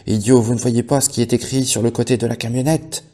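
A grumpy old donkey in a storybook, shouting frantic warnings in a strained, raised voice far above the reader's own low tone. A man puts him on while reading aloud. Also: flat delivery, quick pace, close to an everyday voice. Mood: alarmed shouting. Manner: shouting in alarm.

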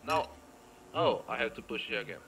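A gamer recording a let's play gives casual, off-the-cuff commentary, muttering playfully to himself, repeating phrases and exclaiming as he plays. His voice is brisk, pushed and bright, with slight background noise.

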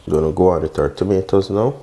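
A man with a low-pitched, dark-toned voice moves at a quick pace as he hosts a cooking show, casually guiding viewers through a recipe step by step with short, chatty exclamations. He's a chef, working in a modern indoor home kitchen.

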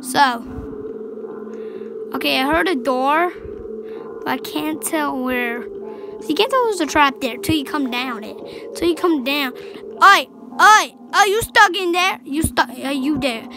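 A woman giving excitable let's play commentary over a game, yelping at scares and dropping into hushed whispers. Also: sits high, unhurried, pauses often, poor audio. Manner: excitable, swings between yelps and hushed whispers. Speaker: gameplay commentator. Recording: game music playing clearly behind the voice.

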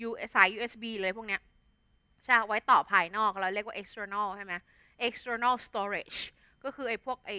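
A woman's voice: medium pitch, pushed and bright, clear, resonant tone, dry recording, highs cut off. A young adult woman with a Thai accent teaching an English vocabulary lesson in a chatty, casual way, full of fillers and tag words. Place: studio.

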